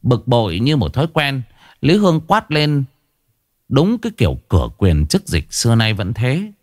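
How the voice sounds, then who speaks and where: A man's voice: mid-range voice, huge pitch swings, normal speed, dry recording, studio quality. A man narrating a ghost story with dramatic, rising and falling delivery.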